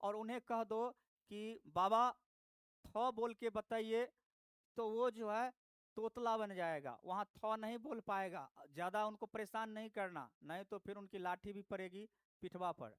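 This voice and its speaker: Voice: medium pitch, unhurried, clear, resonant tone, no echo. A teacher giving a live online lesson, patiently repeating each point and addressing the students directly. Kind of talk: live online class, explaining grammar.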